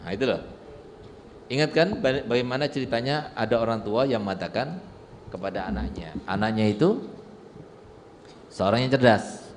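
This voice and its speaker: A man's voice: medium pitch, animated, normal speed, pauses often. A male Islamic preacher giving a humorous sermon with storytelling, full of rhetorical questions to his audience. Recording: reverberant hall with faint noise.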